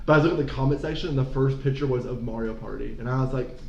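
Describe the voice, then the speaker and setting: Fast-talking man in casual podcast chat. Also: medium pitch, vocal fry. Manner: fast, rambling, profane. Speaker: podcast co-host. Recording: roomy, dull, faint noise.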